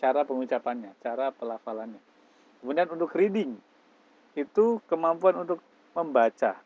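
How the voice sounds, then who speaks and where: A man's voice: medium pitch, expressive, normal speed, a little mellow, lo-fi sound. A man teaching English, explaining step by step and mixing English phrases into his lecture. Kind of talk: classroom lecture.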